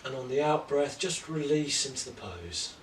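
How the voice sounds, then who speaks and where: Male yoga teacher, soft and unhurried guided instruction, recorded from a distance in an echoey room. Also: medium pitch, slight background noise. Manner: slow, gentle, calm cueing of breath and poses. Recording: roomy echo, distant mic, faint ambience.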